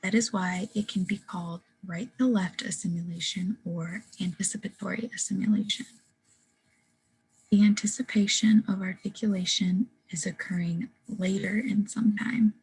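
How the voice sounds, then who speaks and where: A woman's voice: mid-range voice, fairly even intonation, normal speed, darkish tone, poor audio. A young woman giving a class presentation on phonetics, earnest and full of "um" fillers. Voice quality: very husky. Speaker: student presenter.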